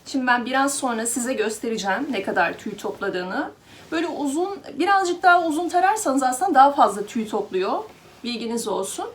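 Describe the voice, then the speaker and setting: A woman's voice: high voice, lively intonation, a little fast. A woman vlogger chatting casually to her viewers as she shows a pet grooming glove and talks to her cat. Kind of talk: casual product demo to viewers.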